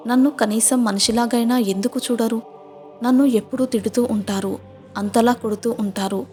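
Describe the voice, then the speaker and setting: A woman voicing a gentle young wife who pleads in a wounded, tearful way. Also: on the high side, steady tone, moderate pace, faint music behind, natural voice. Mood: hurt, tearful.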